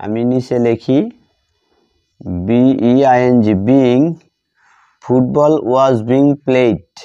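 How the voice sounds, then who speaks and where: A Bengali-accented male English grammar teacher gives a bilingual instructional lesson at an extremely unhurried pace. His mid-range voice is mellow, smooth and flat, and he deliberately dictates word by word, repeating phrases. The recording is dry with a dull lo-fi sound.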